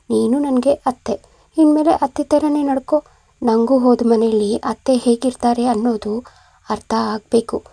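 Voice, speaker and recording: A woman's voice: on the high side, gravelly, mellow, dry recording. A woman voicing a resolute young woman who speaks in a pleading, reproachful way. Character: resolute young woman, bitter and self-sacrificing.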